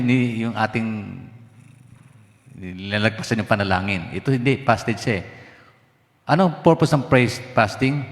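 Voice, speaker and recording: A middle-aged pastor preaches at a brisk clip, moving quickly from line to line. He drops from forceful emphasis to near-whispered asides, mixing two languages. His voice trails off into the long reverb of a church sanctuary. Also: on the low side. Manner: mixes Tagalog and English, swings from loud to hushed. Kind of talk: sermon.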